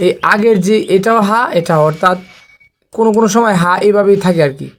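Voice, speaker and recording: Patient high-voiced teacher. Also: male voice. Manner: slow, patient, repeats letter drills. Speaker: Quran reading teacher. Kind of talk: online recitation lesson.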